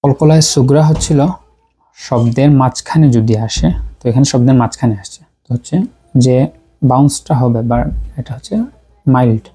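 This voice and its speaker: A man gives a tajweed lesson on Quran recitation. He is patient and repeats syllables slowly to drill their pronunciation. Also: medium pitch, fairly even intonation, warm tone, breathy edge.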